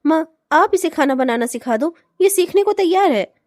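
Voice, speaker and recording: A woman voicing a gentle young husband in a comic cartoon who calms and reassures the others. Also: extremely high pitch, normal speed, no room sound, clean studio sound. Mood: soothing. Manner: soothing, reassuring.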